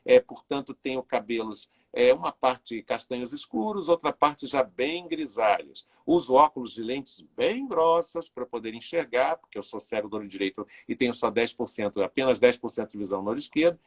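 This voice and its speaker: A man's voice: mid-range voice, husky. A man in his sixties hosting a live video interview, chatty and full of fillers as he greets viewers. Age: 60s. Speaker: interviewer and live show host.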